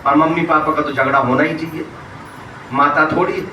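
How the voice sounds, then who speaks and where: A man from Uttar Pradesh preaches with a high, bright, ringing voice. He keeps asking the congregation questions and answering them himself. The sound comes from a mic set well back in a roomy, echoing hall, with faint noise behind. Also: fairly even intonation, normal speed. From Uttar Pradesh, India. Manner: tells everyday stories to make moral points. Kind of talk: sermon. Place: religious hall. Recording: echoey hall, distant mic.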